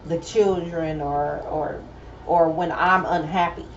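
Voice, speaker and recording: A woman's voice: low voice, fairly even intonation, takes it slowly, slight background noise. A woman in her thirties sharing her own story in a firm, earnest way during a casual chat. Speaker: podcast co-host. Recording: roomy, distant, slightly dull sound.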